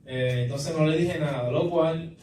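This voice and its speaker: A young man gives a church testimony, stumbling and repeating words as he goes. His voice sits slightly high. He is picked up from a distance in a very echoey hall with clear background noise. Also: a little mellow. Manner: halting, repeats words while storytelling. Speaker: testimony giver. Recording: echoey room, distant mic, noisy.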